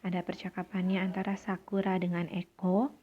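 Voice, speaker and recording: A woman's voice: lowish voice, completely flat delivery, normal speed, phone-quality sound. A woman teaching Japanese to students in a recorded lesson, with an Indonesian accent, explaining patiently and reading out short dialogues. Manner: clear, patient explanations with acted dialogue lines.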